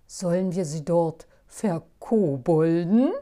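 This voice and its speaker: A woman's voice: mid-range voice, wildly swooping pitch, takes it slowly, vocal fry, a little mellow, full character voice. A woman voicing a mischievous little male goblin in a storybook, giggling and crowing.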